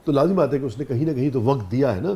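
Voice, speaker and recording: A man's voice: mid-range voice, animated, dark tone, breathy edge. A man with a Pakistani Urdu accent hosting a talk show, affirming his guest often and asking questions with admiration. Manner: attentive, frequent affirming murmurs, admiring.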